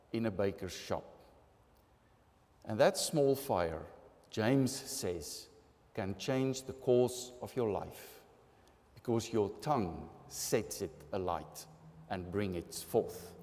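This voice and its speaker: Slow-preaching man in a reverberant church. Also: on the low side, darkish tone. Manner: slow, earnest preaching with asides. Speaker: pastor. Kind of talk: sermon. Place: large church sanctuary.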